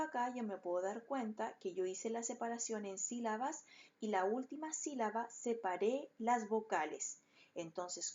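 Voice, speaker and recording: A woman's voice: mid-range voice, highs cut off. A woman teacher explaining a lesson patiently, step by step, to schoolchildren. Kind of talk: recorded online class.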